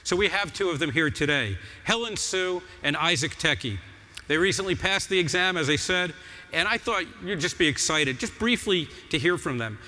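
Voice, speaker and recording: A man hosting a stage interview at a conference, chatty, with many restarts. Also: on the high side. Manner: warm, chatty, stumbling restarts. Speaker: host on stage. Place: large conference hall. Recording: reverberant hall, stage mic.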